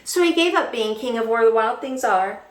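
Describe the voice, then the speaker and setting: A woman reading a children's picture book aloud as a storytime teacher, with expressive, dramatic delivery and drawn-out words. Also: fairly high pitch. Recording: roomy echo, distant mic, faint noise.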